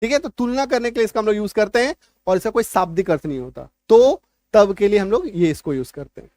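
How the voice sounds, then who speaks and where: पुरुष अंग्रेज़ी शिक्षक, सूखी नज़दीकी आवाज़. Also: male voice, sits high, expressive, fast talker, a little mellow, no room sound. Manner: patient, repeats words, checks understanding often. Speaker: English teacher. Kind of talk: online spoken English lesson.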